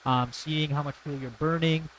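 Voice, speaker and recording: A man's voice: fairly high pitch, fairly even intonation, moderate pace, a bit bright, a little hiss or hum, poor audio. A man co-hosting a live stream, chatting casually in a friendly way and answering viewer questions. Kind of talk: casual chat.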